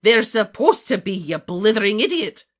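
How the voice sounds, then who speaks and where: An audiobook narrator voicing a stern, commanding woman professor of witchcraft, crisp and imperious, in a storybook reading. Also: mid-range voice, sing-song, fairly quick, a bit bright, pitched above the performer's own voice. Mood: exasperated, commanding.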